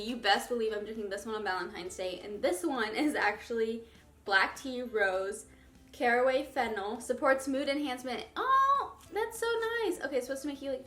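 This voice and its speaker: A woman's voice: a little high, a bit bright. A young woman in her twenties chatting casually to camera in a beauty vlog, bubbly and filling her talk with "like". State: out of breath. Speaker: beauty vlogger.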